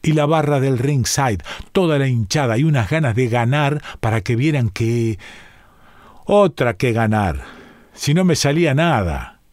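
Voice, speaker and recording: A man's voice: mid-range voice, expressive, a little slow, darkish tone, no room sound, clean studio sound. A man with a Rioplatense Argentine accent reading a short story aloud, speaking as an ailing bedridden former boxer in a rambling, confiding, colloquial way. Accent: Rioplatense Argentine Spanish. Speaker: reader.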